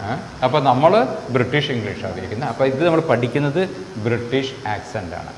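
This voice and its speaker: A man with a Malayali accent teaching a phonetics lesson, repeating example words slowly and asking rhetorical questions. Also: medium pitch, animated. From Kerala, India. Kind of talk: classroom lesson on English vowel sounds. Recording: echoey room with faint background noise.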